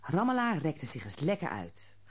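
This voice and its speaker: A woman narrating a children's storybook in a gentle, expressive way. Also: sits low, moderate pace, husky.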